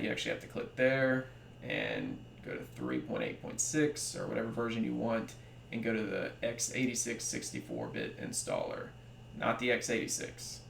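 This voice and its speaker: A young man, a library developer, giving a casual screen-recorded tutorial, relaxed and full of ums and trailing pauses. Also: medium pitch, gravelly. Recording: roomy echo with faint hum.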